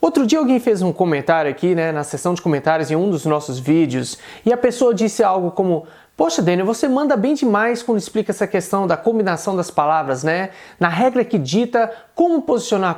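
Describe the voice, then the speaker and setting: A man with a Brazilian Portuguese accent teaching an online English lesson. He explains patiently and slows right down to model each English example sentence. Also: high voice, darkish tone.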